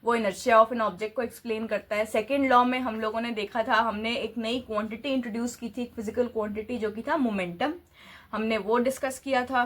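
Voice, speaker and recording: High-voiced woman teaching physics. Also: breathy edge. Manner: explains step by step with rhetorical questions; mixes English terms into Hindi. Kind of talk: classroom physics lesson.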